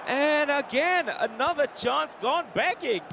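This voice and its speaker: A man calling a football video game live, with a measured, halting delivery. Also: very high-pitched, expressive, gravelly. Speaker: esports match commentator. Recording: noisy venue with crowd.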